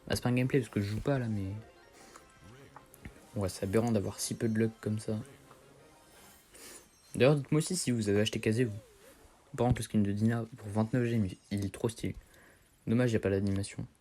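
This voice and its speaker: Teen guy streaming a game, low-ish voice, rambly slangy chatter that keeps restarting. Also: fairly even intonation, a little fast, pauses often, warm tone, faint music behind. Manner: rambling, slangy, self-correcting. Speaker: gaming streamer. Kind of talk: casual gameplay commentary.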